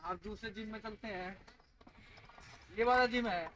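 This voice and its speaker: A young Indian vlogger chats playfully with viewers while trying outdoor gym machines in a park, filmed on a handheld phone camera that moves around. His voice is high and a bit bright at normal speed. The sound is lo-fi, with slight background noise, in this casual vlog chat.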